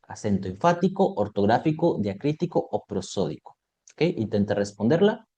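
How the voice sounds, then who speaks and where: Guy tutoring online, mellow warm tone, walks thru topics n keeps checking u follow. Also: fairly low pitch, big pitch swings, normal speed. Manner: explains step by step, checks in with "¿de acuerdo?". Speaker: exam prep tutor. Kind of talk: online lesson.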